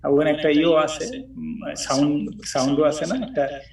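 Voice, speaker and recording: A man from Bangladesh explains English word stress at a slightly slow pace, speaking each example word out loud in a casual, relaxed way. His voice sits a bit high and seems far from the microphone.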